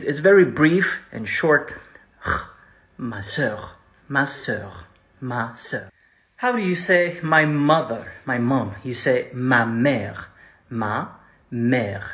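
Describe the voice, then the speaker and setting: A man teaching pronunciation, repeating each word slowly with chatty asides. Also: medium pitch, a bit bright. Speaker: French teacher. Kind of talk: pronunciation lesson.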